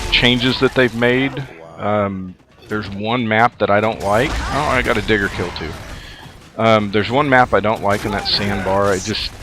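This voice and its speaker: A man's voice: lowish voice, gravelly, background noise. Rambling male gameplay commentator. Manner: rambling and conversational, many fillers. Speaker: gaming commentator.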